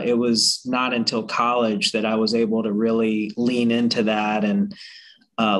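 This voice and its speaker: A man from South Carolina introduces himself on a panel, telling his own story in a steady, personal way. His voice sits at a middle pitch and he fills pauses with frequent "uh"s. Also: low-quality recording. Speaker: city librarian, panelist.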